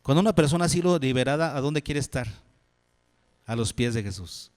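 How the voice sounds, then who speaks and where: A man preaching as pastor, asking questions and answering them himself, dropping low and soft on key phrases. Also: animated, a little fast. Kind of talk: sermon. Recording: long hall reverb.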